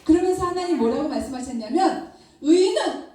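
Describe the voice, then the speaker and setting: A woman's voice: sits high, a little fast. A woman teaching Sunday school, telling a Bible story to children, acting out the characters' words and asking the children questions. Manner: animated, acts out prophet's and God's words, asks children questions. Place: church hall. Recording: very echoey church hall, distant mic.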